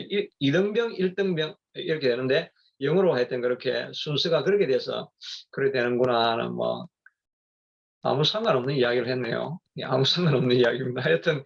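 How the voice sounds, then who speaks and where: Middle-aged male pastor, gravelly, talks off the cuff with fillers and restarts; muffled lo-fi sound. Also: medium pitch. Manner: rambling, conversational, many fillers and restarts. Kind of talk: sermon.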